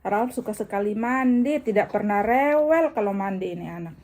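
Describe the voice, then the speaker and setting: A woman's voice: mid-range voice, normal speed. A woman, vlogging casually at home and cooing to her baby between remarks to viewers. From Indonesia. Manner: chatty, coos softly to her baby, sometimes drops to a hush.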